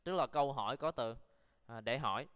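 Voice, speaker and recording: A man's voice: medium pitch, fairly quick, a bit bright, big-room sound, a little hiss or hum. A Vietnamese man with a Vietnamese accent teaching an online English lesson, drilling words for students to repeat and explaining in Vietnamese.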